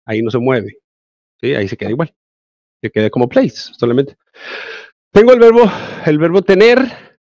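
A man's voice: mid-range voice, expressive, normal speed, long pauses, a little mellow, no room sound, muffled recording. A male English teacher with a Mexican Spanish accent, giving an online class and explaining grammar step by step with frequent check-ins.

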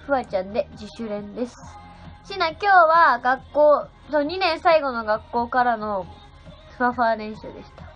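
On a phone livestream, a bubbly seventeen-year-old girl goes through viewer comments and thanks people one by one. She speaks at a moderate pace in a fairly high, animated voice. Faint music sits under slightly dull sound.

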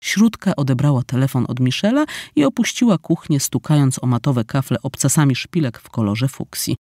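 Guy narrating an audiobook, wry storytelling, very animated pitch, dry studio mic. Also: fairly quick, dry recording. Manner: expressive, ironic storytelling. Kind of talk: scripted narration.

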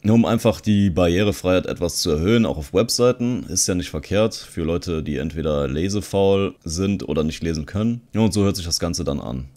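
A man with a very low voice talks through software in a relaxed, conversational manner. He explains things plainly and now and then drops a filler. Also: brisk, few pauses. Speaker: tech reviewer. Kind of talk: casual explanation.

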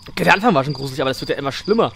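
A man's voice: medium pitch, expressive, racing, creaky, a bit bright, soft background music. Jumpy, scared male horror game streamer. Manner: crude, slangy, self-deprecating joking. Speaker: let's play streamer. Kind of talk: casual gaming commentary on a horror game.

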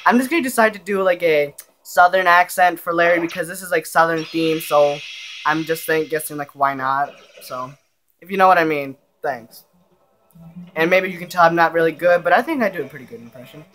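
A man's voice: fairly high pitch, fairly quick, a bit bright. A young man giving casual, rambling commentary while playing a video game. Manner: rambling, offhand asides. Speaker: gameplay video creator. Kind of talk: casual let's-play commentary. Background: faint game music.

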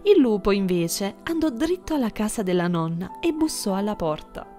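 A woman narrating an audiobook fairy tale in a gentle storytelling manner, with soft music behind. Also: mid-range voice, very animated, normal speed.

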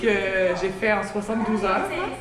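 A woman chatting casually on camera in a relaxed way, outdoors by a skating rink. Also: medium pitch, moderate pace, roomy sound, a crowd in the background.

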